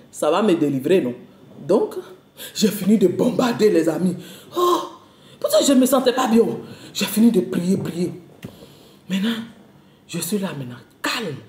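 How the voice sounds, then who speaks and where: A woman preacher giving a lively, repetitive spoken testimony to a congregation, full of exclamations. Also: mid-range voice, reverberant. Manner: animated, repetitive, storytelling with exclamations.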